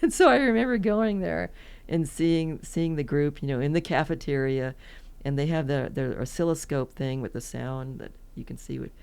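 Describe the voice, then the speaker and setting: A woman's voice: low voice, moderate pace, gravelly, hardly any pauses, a little mellow, clean tone. A woman in her seventies from California, telling rambling, chatty stories as a podcast guest and laughing often. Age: 70s. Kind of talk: casual interview storytelling.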